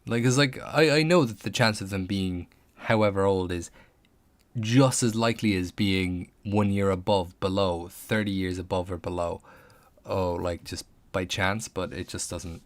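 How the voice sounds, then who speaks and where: At a moderate pace, a low-sitting male voice chats casually on a live stream during tabletop character creation, puzzling over names and details out loud and replying to viewers' comments.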